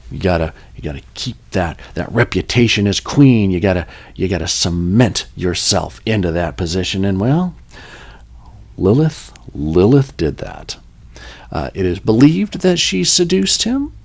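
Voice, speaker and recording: A man's voice: sits low, sing-song, a little slow, gravelly. A man hosting a podcast, telling folklore in a casual, rambling way, with joking asides and self-corrections. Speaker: podcast host.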